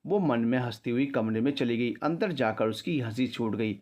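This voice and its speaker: Guy narrating a story, steady even pace, mid pitched voice. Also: moderate pace.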